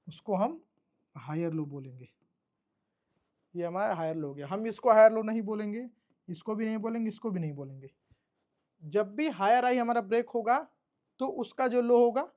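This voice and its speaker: A man goes through a trading chart step by step in a recorded lesson, repeating terminology and checking that his audience follows along. His voice sits high with a darkish tone, and the recording has its highs cut off.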